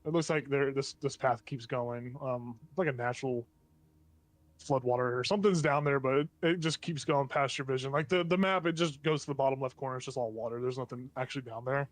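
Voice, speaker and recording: Halting, casual man running a tabletop game. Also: mid-range voice. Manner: halting, searching descriptions with casual slang and mild exasperation. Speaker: game master.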